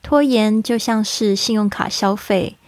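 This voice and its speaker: A woman hosting a language-lesson podcast who explains patiently and slows down to spell out example phrases. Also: medium pitch, no echo. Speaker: podcast host and English teacher.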